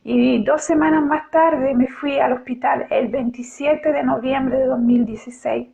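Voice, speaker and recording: High gravelly woman testifying. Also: fairly even intonation, mellow, dull audio. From Chile. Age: middle-aged. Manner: heartfelt, halting retelling with many restarts. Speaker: churchgoer giving a testimony. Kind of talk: personal faith testimony.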